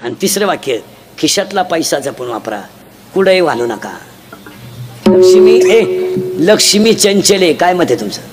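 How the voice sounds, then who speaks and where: A man preaching a humorous devotional sermon, punchy and jokey, quizzing the crowd with sharp calls. He speaks into a stage mic at an outdoor gathering. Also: on the high side, big pitch swings, moderate pace, music in the background. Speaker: kirtan preacher. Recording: loud crowd and heavy background noise.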